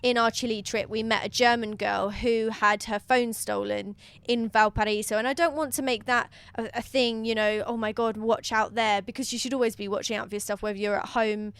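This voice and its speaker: A woman with a fairly high voice chats casually as a podcast host. She speaks informally and conversationally, and the recording is dry and close with little room sound. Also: fairly even intonation, a little fast, hardly any pauses, fairly bright tone, smooth, no room sound. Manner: chatty, informal. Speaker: podcast co-host and quiz master. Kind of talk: casual chatty podcast talk.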